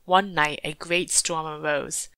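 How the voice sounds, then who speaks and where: A woman reading a folk tale aloud in a steady, measured way. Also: low voice, smooth, no echo. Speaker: audiobook reader. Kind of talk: storybook narration.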